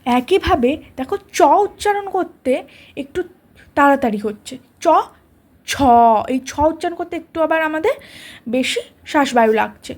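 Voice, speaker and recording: High-voiced woman teaching grammar. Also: expressive. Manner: patient, repeats letters slowly, asks "ঠিক আছে?". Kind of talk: explaining a lesson to students.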